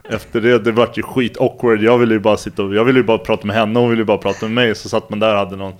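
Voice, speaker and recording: A man in his thirties speaks as a relaxed interview guest. His voice sits fairly low, and he tells stories casually, with plenty of fillers and slang. He rambles comfortably from one anecdote to the next. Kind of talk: casual conversational storytelling.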